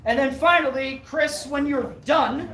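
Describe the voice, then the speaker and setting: A woman's voice: high-pitched, a little slow, fairly bright tone. A woman performing a live mind reading act, with playful, self-deprecating, off-the-cuff patter for her audience. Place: live performance venue, indoors. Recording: echoey live venue, distant mic, faint noise.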